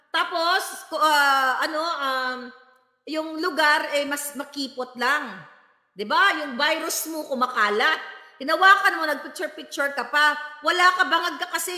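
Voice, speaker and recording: A woman's voice: high-pitched, unhurried, bright, forceful tone. A woman from the Visayas, scolding and mocking in a commentary rant over a video clip. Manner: mocking, scolding, swaps between Tagalog and English. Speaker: political commentary vlogger. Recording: echoey room with long reverb.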